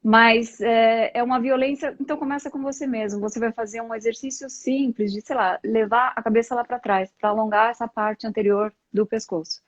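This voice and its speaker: On dull, lo-fi live stream audio, a middle-aged Brazilian yoga practitioner chats as an interview guest, reflecting and using examples. Her fairly high voice holds a steady tone, moving briskly with hardly any pauses and no room sound.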